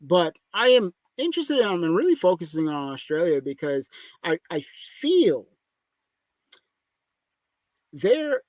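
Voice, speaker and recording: A man's voice: sits high, sing-song, slow, pauses often, no echo. A man hosting a podcast, talking politics in an emphatic, opinionated casual chat. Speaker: podcast host.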